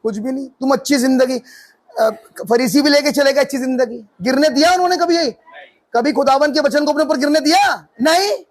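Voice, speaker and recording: Male pastor, very high voice, emphatic questioning sermon style. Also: a little fast. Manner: preaching with rising emphatic questions.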